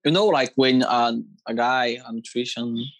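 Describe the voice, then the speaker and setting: A co-host in a casual chat who speaks broken English, halting and searching for words, on an earphone mic. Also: medium pitch, dry recording. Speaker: podcast co-host. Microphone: earphone microphone.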